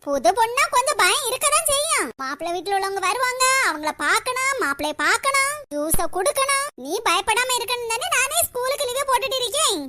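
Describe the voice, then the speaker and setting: A woman's voice: very high-pitched, animated, fairly quick, hardly any pauses, background noise. A woman voicing a chatty, teasing schoolgirl younger sister in a cartoon, with a Kanyakumari Tamil accent.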